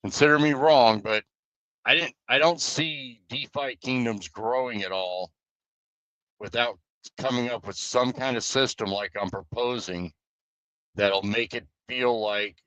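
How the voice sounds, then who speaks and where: A man's voice: fairly low pitch, takes it slowly, pushed and bright, no echo, highs cut off. A man chatting loosely on a live stream as guild leader, rambling with fillers and restarts. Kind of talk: casual live stream chat.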